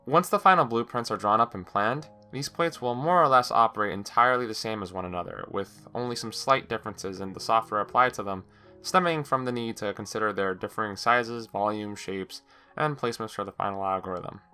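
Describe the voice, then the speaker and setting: A man giving a semi-scripted technical monologue as a project journal, explaining things in a measured, wordy, methodical way. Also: on the low side, sharp tone, smooth. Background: background music.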